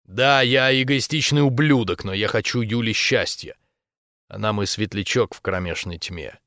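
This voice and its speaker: A man narrating a first-person romance novel as an audiobook, in a steady, intimate storytelling voice. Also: fairly low pitch, moderate pace, no room sound, clean studio sound.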